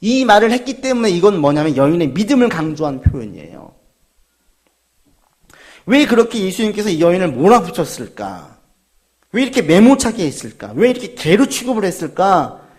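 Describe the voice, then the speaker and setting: A man's voice: sits high, sing-song, fairly quick, a little mellow. A man preaching a sermon as pastor, earnest and full of rhetorical questions.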